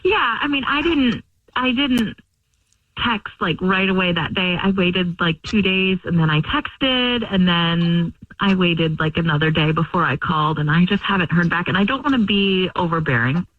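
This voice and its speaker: A woman's voice: lowish voice, normal speed, no echo. A young woman calling in to a radio show, chatty and rambling with lots of fillers. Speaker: caller. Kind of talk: phone call to a radio show. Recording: phone line from far off.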